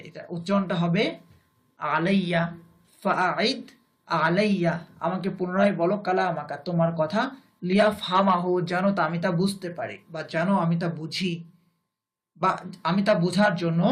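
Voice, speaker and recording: Man, high-pitched, Bangladeshi Bengali accent, grammar lesson, slow deliberate repetition. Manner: slow, deliberate, repeats Arabic phrases then translates them. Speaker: Arabic grammar teacher.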